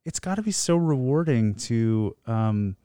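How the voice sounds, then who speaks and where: A man guesting on a podcast, talking casually with a rambling, halting delivery and a goofy streak. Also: mid-range voice, lively intonation, dark tone, clean tone, no room sound, studio quality. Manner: rambling, many fillers and restarts, goofy.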